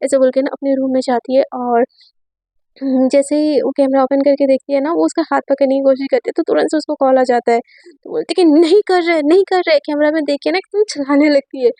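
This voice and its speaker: A young woman with a high, mellow voice tells a romance story in a casual, chatty way, slipping into each character's quoted lines. The sound is dry and close. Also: steady tone, fast talker, no room sound.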